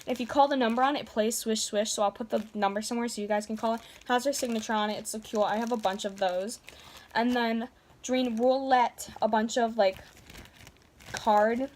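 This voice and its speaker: A woman's voice: fairly high pitch, steady tone, fairly quick, darkish tone, a little hiss or hum. A woman vlogger telling a story to camera in a gushing, casual way, filling her talk with "like". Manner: gushing, heavy use of "like".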